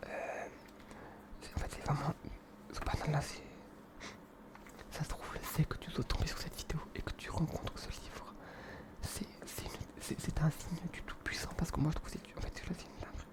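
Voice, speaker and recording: A young man whispering in a hushed, breathy library whisper as he presents books in an informal, earnest, hesitant ASMR style. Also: a little high, flat delivery, normal speed.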